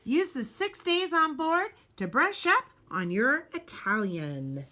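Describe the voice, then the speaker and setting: In a bright, high voice, a woman reads a children's picture book aloud, slowly and with great animation. She leans on dramatic emphasis and deliberate pauses throughout this expressive storybook read-aloud.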